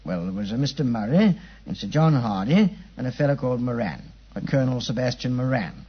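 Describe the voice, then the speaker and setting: An actor playing a weary, deferential British police inspector in a 1950s radio drama, chatty and raspy. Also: male voice, medium pitch, animated, fairly quick. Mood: confiding, matter-of-fact. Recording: dull, muffled 1950s radio recording.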